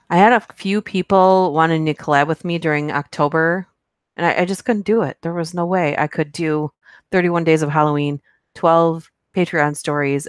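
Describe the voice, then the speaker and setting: In studio-quality, dry audio, a deep-voiced woman runs a live stream for her horror narration channel. She reads out viewer comments and chats casually, rambling along with lots of filler words and giggling.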